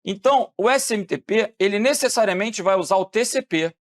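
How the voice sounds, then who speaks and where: Animated male teacher lecturing. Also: sits high, brisk. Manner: animated, asks questions and answers them, acts out phone calls. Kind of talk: lively classroom lecture.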